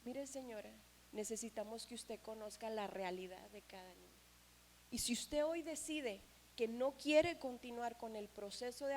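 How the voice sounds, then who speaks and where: A woman voicing a patient female social worker who explains things gently in a low, quiet voice. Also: a little hiss or hum, low-quality recording.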